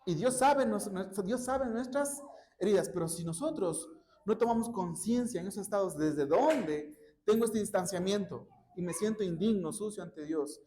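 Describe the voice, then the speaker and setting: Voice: mid-range voice, lively intonation, normal speed, mellow. A preacher speaks in a church in a mid-range voice, teaching in a conversational sermon style. The delivery keeps turning to the listeners with rhetorical check-in questions. Personal anecdotes from workshops are woven into the teaching.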